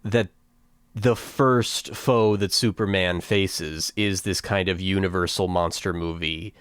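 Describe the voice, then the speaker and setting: A man's voice: low voice, steady tone, slow, fairly bright tone, clean tone, no echo, clean studio sound. A man hosting a casual podcast chat, with jokey, folksy announcer phrasing. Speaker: podcast host.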